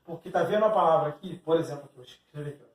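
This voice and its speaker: Man, Brazilian accent, math teacher, high voice, explaining step by step. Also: racing, echoey room, far from the mic. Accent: Brazilian Portuguese. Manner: explanatory, addresses the student directly, acts out student questions. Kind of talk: exam-prep math lesson.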